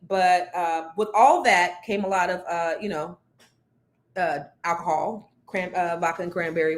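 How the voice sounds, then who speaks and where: Cigar smoke has deepened the voice of this woman, who hosts a live show about money and news. She talks to viewers in a casual, chatty way, excitedly telling stories full of fillers.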